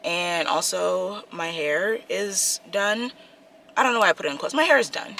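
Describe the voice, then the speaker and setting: Sitting in her parked car, a young vlogger from the DC area rambles casually to her camera, poking fun at herself. She has a fairly low, creaky, bright voice with a forceful tone, lively intonation and normal speed. The camera's built-in mic catches a little background noise.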